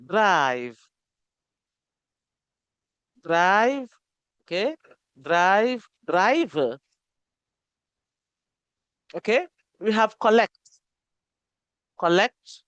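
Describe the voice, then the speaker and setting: A woman teaching an English grammar lesson, who repeats each word slowly and keeps saying okay. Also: mid-range voice, very animated, dry recording, highs cut off.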